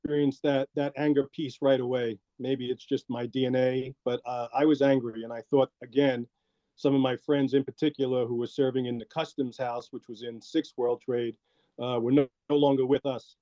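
A man, a former law enforcement officer, recounting his experience in a measured way with frequent pauses. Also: medium pitch, flat delivery, mellow, no echo, low-quality recording. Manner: measured, with frequent ums and asides. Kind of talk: reflective interview storytelling.

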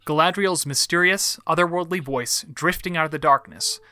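A man reading scripted, analytical video essay narration in an articulate way, with measured emphasis. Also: fairly high pitch, bright, forceful tone.

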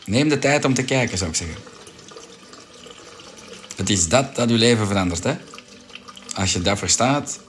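A man's voice: on the low side, expressive, moderate pace, pauses often, faint music behind. A middle-aged Flemish man coaching a viewer on a live stream, pushy and insistent, with lots of repeated fillers. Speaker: coach and shop owner. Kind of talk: live-stream sales pitch answering a viewer.

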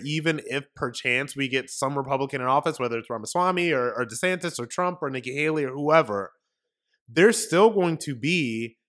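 A man's voice: on the high side, fairly bright tone. Emphatic ranting male podcast host. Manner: rhetorical questions. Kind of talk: political commentary monologue.

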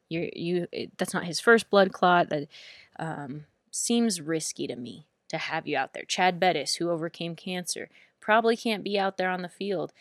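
Woman podcast host, fairly low voice, animated and quick to laugh, dry close sound. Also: no room sound. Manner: animated, laughs in disbelief, restarts words. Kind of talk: sports podcast talk with read ads.

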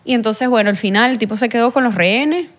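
Woman telling her story haltingly. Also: on the high side. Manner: halting, many fillers and restarts, earnest. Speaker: guest. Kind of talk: personal testimony in a podcast interview.

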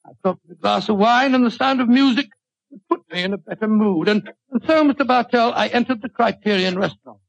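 Genial older British doctor, high creaky voice. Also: male voice, brisk, dry recording. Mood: dramatic narration. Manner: avuncular, wordy, chuckling storyteller. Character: older genial British doctor reminiscing, Sherlock Holmes's loyal companion. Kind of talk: 1940s radio drama storytelling. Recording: dull old-time radio recording.

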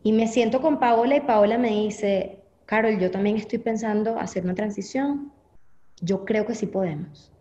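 Woman, Venezuelan Spanish accent, young adult, animated storytelling, roomy echo, slightly muffled sound. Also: mid-range voice, normal speed. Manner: animated, acts out her own past thoughts. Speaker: interview guest. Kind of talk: candid personal storytelling. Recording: echoey, slightly dull audio.

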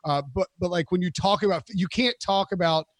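High-voiced rambling guest. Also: male voice, fairly quick, no echo, clean studio sound. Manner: rambling, heavy on fillers, laughs often. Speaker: guest football podcaster. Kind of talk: casual chat.

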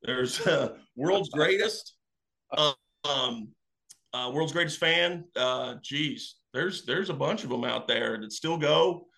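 Male guest, animated casual storyteller, bright tone, slightly high. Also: slow, creaky. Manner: animated, acts out quotes. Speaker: wrestling fan guest.

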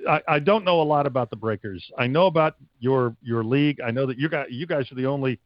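A man's voice: medium pitch, dry recording, muffled recording. A man from the United States who works as a stadium announcer, answering interview questions casually and wordily, with stops and starts.

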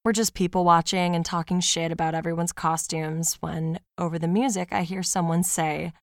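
A woman with a fairly low, fairly flat voice close to everyday speech, recorded cleanly in a studio with no echo at normal speed. For an audio drama, she plays a podcast host reading a fan's confessional horror-comedy email aloud, telling it in a casual, wry, sweary, conversational way as a scripted monologue.

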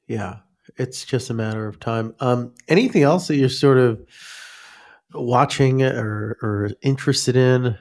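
A man's voice: mid-range voice, unhurried, darkish tone. Male podcast host, conversational and casual, nose blocked up with a cold. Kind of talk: casual interview chat.

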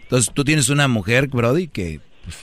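A man's voice: mid-range voice, lively intonation, normal speed, a bit bright, dry recording. A man from Monterrey hosting a radio call-in show, giving blunt, teasing advice. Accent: northern Mexican. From Monterrey, Mexico. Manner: blunt, teasing, repeats callers' nicknames. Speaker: radio show host taking calls. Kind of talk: casual call-in advice talk.

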